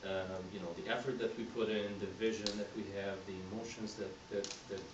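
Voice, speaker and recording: Low-voiced man, halting and far off. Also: flat delivery, dull audio. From Egypt. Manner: halting, many fillers and restarts. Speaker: board candidate. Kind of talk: candidate speech to a community group. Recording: roomy hall, mic at a distance, background noise.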